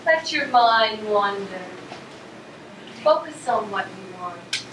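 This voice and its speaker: A woman's voice: mid-range voice, expressive, slow. A woman playing a fortune teller, reciting cryptic verse advice in an oracular, theatrical way. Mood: oracular, measured. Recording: distant, echoey, noisy room recording.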